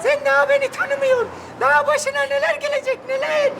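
A woman's voice: very high voice, flat delivery, fairly quick, creaky, over a noisy crowd, heavy background noise. An actress playing a grim older woman kidnapper who threatens her captive coldly. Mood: menacing. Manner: threatening, cold. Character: grim old woman kidnapper, menacing and stubborn.

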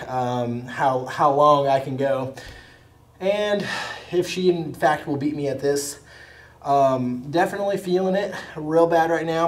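An American man in his thirties chatting casually to camera in an informal, self-deprecating, rambling way, recorded indoors a short distance from the camera. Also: on the high side. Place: indoor room with painted wall. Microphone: camera a couple of metres away.

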